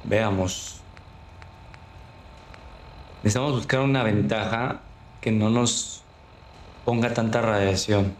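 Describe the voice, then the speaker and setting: A man giving casual, unhurried gameplay commentary on a livestream, thinking aloud as he plays. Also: on the low side, steady tone. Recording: roomy echo with clear background noise.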